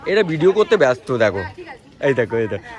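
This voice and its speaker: A man's voice: medium pitch, big pitch swings, quick pace, some chatter behind. A man vlogging a family Holi celebration outdoors, filming with a handheld phone and eagerly urging viewers to look. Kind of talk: casual vlog narration.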